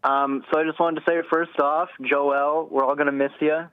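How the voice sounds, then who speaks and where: A man's voice: on the high side, level tone, normal speed, clean tone, no room sound. Hesitant male radio caller on a phone line. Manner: hesitant, rambling. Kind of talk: casual phone-in chat. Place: phone call to a radio show. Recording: thin band-limited phone line.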